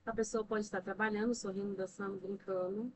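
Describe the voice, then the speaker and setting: A woman's voice: medium pitch, flat delivery, brisk, darkish tone. A Brazilian woman, a podcast guest, talks about faith and emotional health in an emphatic, preacher-like way full of rhetorical questions. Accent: Brazilian Portuguese. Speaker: podcast guest, church member and counselor. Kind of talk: earnest religious talk on emotional health. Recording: distant mic with faint noise.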